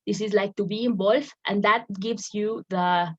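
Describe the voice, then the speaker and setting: A woman's voice: medium pitch, steady tone, unhurried, fairly bright tone. A woman teacher explaining a lesson step by step, often repeating words as she searches for the phrasing. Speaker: English teacher. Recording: dull lo-fi recording.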